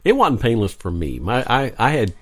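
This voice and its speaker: A man's voice: medium pitch, wildly swooping pitch, normal speed, a bit bright, slightly rough, dry recording. A man co-hosting a podcast, telling a story in a wry, joking way. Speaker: podcast co-host. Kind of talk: casual storytelling chat. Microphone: podcast microphone.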